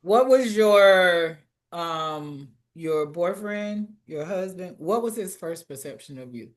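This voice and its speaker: A woman interviewing a guest over a video call, asking relaxed follow-up questions and laughing along. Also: lowish voice, slow.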